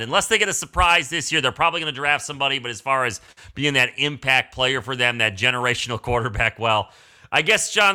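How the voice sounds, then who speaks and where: Very bright-voiced male sports host. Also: mid-range voice, clear, resonant tone. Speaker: sports talk show host. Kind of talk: conversational football analysis.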